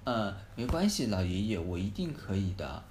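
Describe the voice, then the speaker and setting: A man voicing a brave ten-year-old boy in a bedtime story, talking gently and politely. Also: lowish voice, sing-song, moderate pace. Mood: polite, hopeful. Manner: gentle and polite, turns frightened and tearful. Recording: echoey phone recording, faint hiss.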